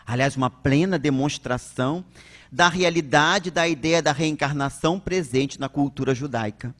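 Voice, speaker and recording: A man with a Brazilian accent giving a public religious lecture at a spiritist centre, measured and posing rhetorical questions. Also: a little high, fairly bright tone.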